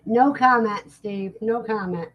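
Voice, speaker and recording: Speaking slowly in a rather high voice, this sixty-something livestream host chats folksily, reading out comments from viewers and answering each one. The sound quality is dull and lo-fi.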